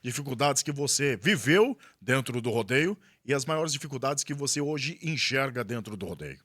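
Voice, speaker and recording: A man's voice: medium pitch, expressive, normal speed, fairly bright tone, dry recording. Dry-sounding male podcast host. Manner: brief affirmations and guiding questions. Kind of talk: interview conversation.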